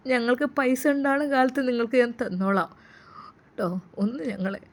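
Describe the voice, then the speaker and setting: A woman's voice: fairly high pitch, brisk, lightly acted. A woman voicing a poor young man who begs a lawyer for help with a tearful voice. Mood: pleading. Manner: tearful, begging. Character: young adult man caller, poor and pleading.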